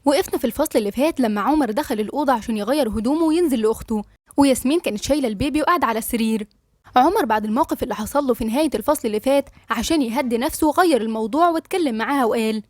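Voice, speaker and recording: A woman with an Egyptian accent who narrates a serialized novel in a brisk, chatty reading style. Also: sits high, dry recording, clean studio sound. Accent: Egyptian Arabic.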